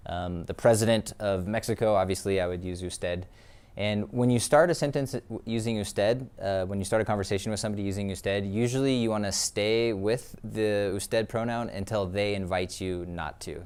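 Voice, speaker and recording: Male Spanish teacher, lowish smooth voice, patient classroom delivery with frequent fillers. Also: darkish tone. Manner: explains patiently, many ums and uhs. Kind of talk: classroom lesson.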